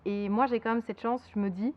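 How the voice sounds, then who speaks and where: A woman's voice: a little high, fairly even intonation, a little fast, lo-fi sound. Hesitant young woman from Belgium. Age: 20s.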